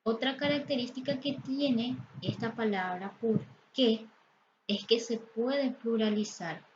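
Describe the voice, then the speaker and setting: A woman teacher explains grammar at a very slow, deliberate pace, pausing often. Her voice sits a little high. The recording is slightly dull and lo-fi, with a faint hiss behind her. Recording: slightly dull, lo-fi sound with faint background noise.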